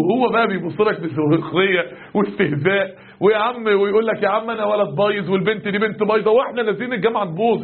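A man preaching an Egyptian colloquial sermon lesson, animated and full of rhetorical questions. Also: high-pitched, slightly rough. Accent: Egyptian Arabic. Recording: tinny lo-fi recording.

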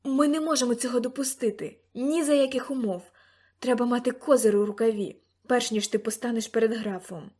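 An excitable old grandfather, a time-travel scientist, voiced by a woman in an audiobook. He bursts into loud, delighted cries when an idea strikes. His voice sits somewhat high. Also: brisk, slightly rough. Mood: urgent. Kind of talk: audiobook character reading.

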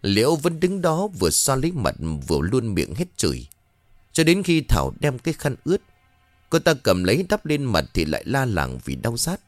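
A man narrating a dramatic ghost story in an expressive, lively way. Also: mid-range voice, moderate pace, dry recording, soft background music.

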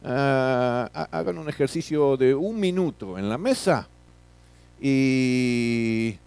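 A man's voice: medium pitch, animated, slow, creaky, darkish tone, smooth. Man lecturing a class, tag questions. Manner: frequent tag questions, repeats words. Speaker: teacher.

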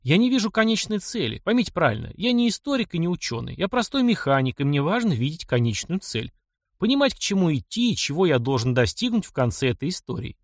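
A man's voice: on the high side, sing-song, fast, dry recording, clean studio sound, pitched above the performer's own voice. Man reading as a blunt young mechanic. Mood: measured. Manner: blunt, wry, stubborn. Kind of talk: audiobook character reading.

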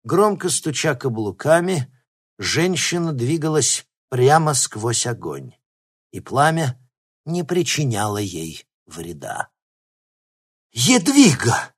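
A man reading an audiobook in steady, dramatic narration. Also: medium pitch, takes it slowly, slightly rough. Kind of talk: scripted narration.

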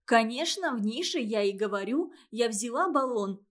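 A woman's voice: a little high, animated. A woman voicing a spoiled, sly little girl who chatters and lies. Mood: wheedling. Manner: fast sly wheedling chatter.

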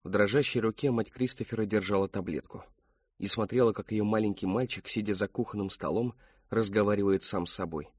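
A man reading an audiobook in a measured, even scripted narration, in a slightly muffled recording. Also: on the low side, husky, no echo.

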